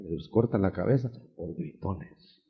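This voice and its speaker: A man preaching a sermon in an animated storytelling way, acting out shouted quotes. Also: low-pitched, measured pace. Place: seminar hall. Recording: dull lo-fi 1991 seminar recording.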